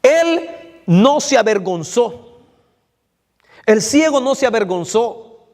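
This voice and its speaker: A man with a high voice preaches an evening sermon in a church hall, the long reverb trailing after his words. He talks slowly and deliberately, turning to the congregation with direct questions and repeating key phrases for emphasis. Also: sing-song, a little mellow.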